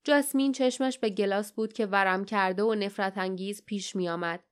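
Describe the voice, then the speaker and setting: Smooth-voiced woman narrating an audiobook. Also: mid-range voice. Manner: steady, tense storytelling. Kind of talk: scripted storybook narration.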